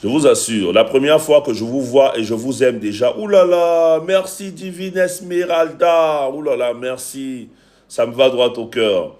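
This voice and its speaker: In an unhurried, medium-pitched voice with a darkish tone, a Cameroonian-accented relationship coach addresses his livestream audience. His talk is preachy and emphatic, full of repeated phrases, and he greets commenters along the way.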